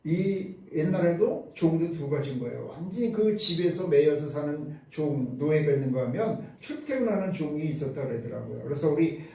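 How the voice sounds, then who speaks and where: A man's voice: on the high side, animated, moderate pace, gravelly, few pauses, dark tone. A man preaching a sermon as pastor. He is emphatic and often asks questions that he answers himself. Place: church sanctuary. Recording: very echoey hall, voice from a distance.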